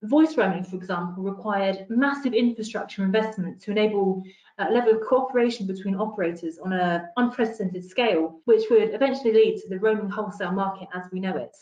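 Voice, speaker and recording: Woman, research analyst presenting a briefing, measured delivery, roomy and slightly muffled recording. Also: mid-range voice, darkish tone. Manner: measured and explanatory, with occasional restarts. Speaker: industry analyst.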